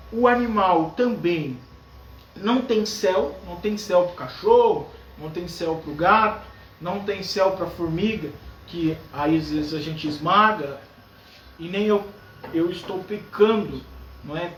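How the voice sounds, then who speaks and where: A man's voice: high-pitched, fairly bright tone. A man with a Brazilian accent, a priest preaching a sermon, explaining his points and often asking his listeners questions. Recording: echoey, from far off, faint background noise.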